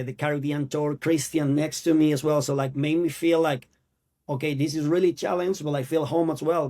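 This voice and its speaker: Guesting on a casual interview, this actor recounts his story earnestly but haltingly in non-native English. He's in his thirties, from Venezuela, speaks Spanish as his first language with a Venezuelan accent, and has a slightly high, darkish voice.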